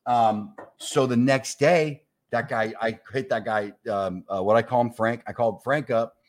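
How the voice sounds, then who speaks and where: A man in his forties, a guest on a talk show, tells a long casual anecdote in a mid-range voice at normal speed. He's an animated storyteller who swears freely and acts out both sides of every conversation.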